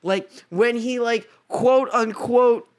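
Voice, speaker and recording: A man hosting a casual review vlog, talking in an excitable, rambling way with frequent laughter. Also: very high voice, takes it slowly. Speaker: host.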